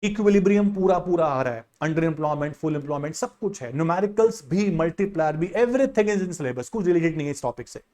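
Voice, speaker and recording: A man's voice: fairly high pitch, expressive, normal speed, hardly any pauses, a little mellow. A male economics teacher guiding students through an exam syllabus in a direct, insistent, casual way. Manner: direct, insistent, addresses students as "yaar" and "bhai". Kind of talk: casual exam-guidance lesson, screen walkthrough.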